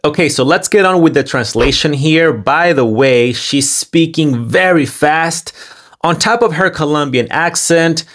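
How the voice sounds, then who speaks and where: A man hosting a video commentary, speaking in deliberate, emphatic phrases with pauses. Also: a little high, fairly bright tone, faint music behind. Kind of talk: scripted commentary with loose running translation.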